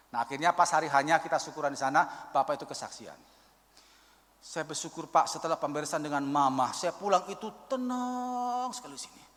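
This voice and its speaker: A man's voice: a little high, fairly bright tone. A man preaching a sermon in a church, telling a story, acting out its dialogue and calling for amens. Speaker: evangelist preacher. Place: church hall. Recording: long church hall reverb.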